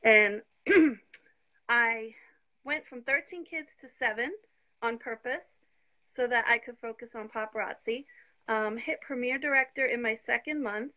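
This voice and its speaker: A woman in her fifties, a guest on a live video interview, telling her story eagerly and sounding slightly out of breath on a phone call. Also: on the high side. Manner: eager, talks fast when excited.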